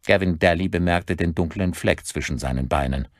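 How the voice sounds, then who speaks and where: Guy reading a thriller audiobook, very deep and slow, super dry studio mic. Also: no echo. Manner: measured, expressive storytelling. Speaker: audiobook narrator. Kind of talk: scripted audiobook narration.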